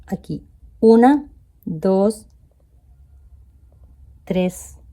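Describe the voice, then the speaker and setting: Slow, mellow woman counting crochet stitches. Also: medium pitch, animated. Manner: addresses viewers directly with "¿ven?". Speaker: crochet instructor. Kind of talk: step-by-step crochet tutorial.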